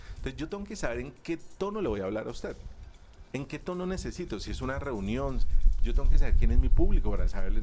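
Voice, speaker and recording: A man talking as a public speaking coach in a conversational interview, animated and acting out quoted voices. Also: fairly low pitch.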